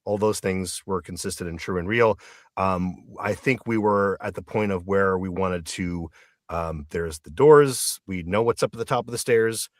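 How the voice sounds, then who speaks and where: A man's voice: low voice, normal speed, dry recording, studio quality. A man playing a tabletop game in character, speaking hesitantly with many fillers and restarts. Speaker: player.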